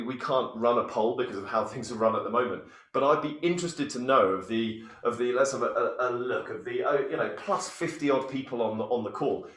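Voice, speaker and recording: A man's voice: mid-range voice, a bit bright. A man co-presenting a training webinar, chatty, with dry humour and mock-formal asides. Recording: roomy video call audio.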